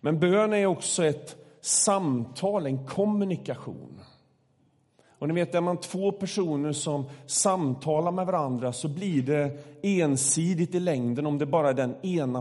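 A middle-aged man preaching a calm, measured sermon with slow pauses, then leading a prayer. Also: on the high side. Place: church. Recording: long church hall reverb.

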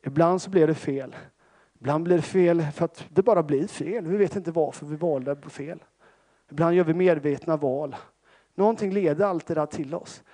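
High-voiced Swedish pastor preaching. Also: male voice, mellow. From Sävsjö, Småland, Sweden. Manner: storytelling with self-deprecating humor, many fillers. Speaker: pentecostal pastor. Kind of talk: sermon.

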